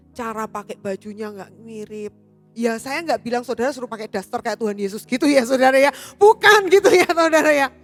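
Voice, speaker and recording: High-voiced woman pastor preaching. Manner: animated storytelling, addressing congregation as "saudara". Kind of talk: sermon. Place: church.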